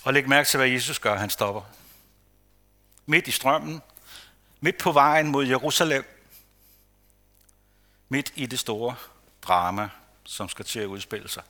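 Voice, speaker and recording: A man preaching a sermon, rhetorical and repetitive for emphasis, sometimes dropping to a hushed near-whisper. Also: mid-range voice. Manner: rhetorical, repeats phrases for emphasis. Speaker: pastor.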